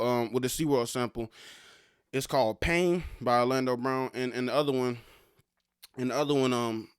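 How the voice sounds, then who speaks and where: A man's voice: mid-range voice, clear, resonant tone, no echo, studio quality. A young man hosting a solo podcast, talking loosely in slang and stumbling over repeated words as he goes. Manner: stammering, loose slangy rap-fan talk. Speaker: podcast host. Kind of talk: casual solo podcast monologue.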